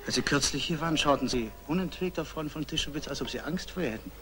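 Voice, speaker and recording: An actor playing a charming male painter who courts a young woman, with a soft, persuasive manner, in old German film acting. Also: a little high, lively intonation, fast talker, music in the background, natural voice.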